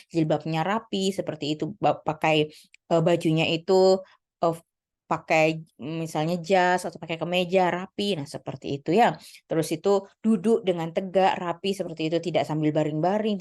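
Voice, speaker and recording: A woman's voice: low voice, fairly even intonation, moderate pace, a little mellow. Chatty woman teaching presentation tips. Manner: chatty, many fillers and restarts, mimics voices for examples. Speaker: lecturer giving presentation tips. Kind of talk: casual spoken lesson.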